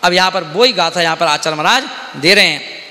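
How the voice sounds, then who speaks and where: Male Jain monk preacher, high bright voice, reverberant hall. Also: fairly quick. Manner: repetitive, asks "है ना?" often, acts out everyday scenes. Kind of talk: Hindi sermon. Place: dharmshala hall.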